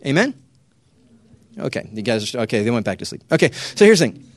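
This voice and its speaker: A man giving a lively, joking talk to a young audience, often hushing and settling the crowd. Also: medium pitch, fast talker. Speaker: youth speaker.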